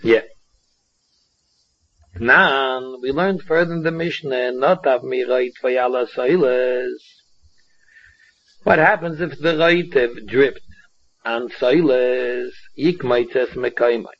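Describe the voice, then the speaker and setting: A man with a Yiddish accent teaching a religious text line by line, halting and repeating phrases as he explains. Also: mid-range voice. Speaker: Talmud teacher. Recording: dull, muffled lo-fi recording.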